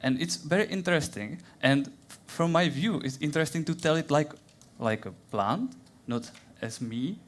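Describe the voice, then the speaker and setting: A young man with a Czech accent giving a playful, theatrical science talk in a plant's voice, then answering questions in halting English. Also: on the high side. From Czech Republic. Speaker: science communication contestant.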